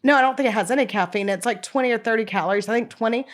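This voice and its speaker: A middle-aged woman, co-hosting a casual podcast chat and talking quickly. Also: fairly high pitch. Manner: chatty, quick, Southern turns of phrase. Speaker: podcast co-host.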